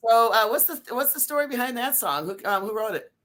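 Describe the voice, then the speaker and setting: A woman's voice: a little high, animated, fast, fairly bright tone. A woman hosting an interview show, enthusiastic and laughing, swearing freely. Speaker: podcast host. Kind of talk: casual interview chat.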